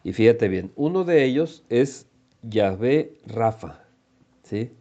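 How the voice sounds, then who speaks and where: A man's voice: medium pitch, expressive, mellow. A man with a Mexican Spanish accent preaching a sermon, teaching unhurriedly, reading scripture and asking his listeners rhetorical questions. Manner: unhurried teaching, addresses listeners as little brothers; reads scripture aloud and asks rhetorical questions. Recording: dull lo-fi recording.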